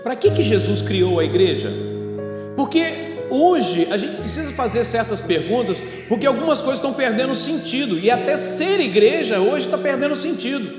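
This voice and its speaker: Speaking expressively at a moderate pace, a high-voiced male Brazilian pastor delivers an evangelical sermon with storytelling and Bible passages. His teaching style is didactic, full of rhetorical questions and direct appeals to the congregation. The church hall sound system carries his voice into a long, echoing reverb over clearly audible background music.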